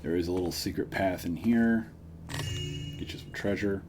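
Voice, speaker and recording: A man's voice: sits low, moderate pace. A man giving a casual, joking, self-deprecating video game walkthrough as a let's player. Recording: noisy, with game ambience behind. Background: game sounds.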